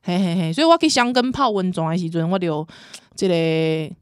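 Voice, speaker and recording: A woman's voice: on the low side, moderate pace, clear, resonant tone, no room sound, clean studio sound. A pregnant woman in her thirties with a Taiwanese accent, co-hosting a casual podcast chat, telling stories with lots of laughter and switching into Taiwanese. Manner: laughs often, animated storytelling, slips into Taiwanese. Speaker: podcast co-host.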